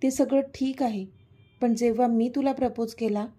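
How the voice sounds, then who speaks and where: Voiced by a woman, a stubborn young lover speaks in a storybook tale, teasing and insistent. His voice sounds mellow and a little husky. He pushes for answers and won't let the matter drop. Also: fairly high pitch, fairly even intonation, normal speed, natural voice.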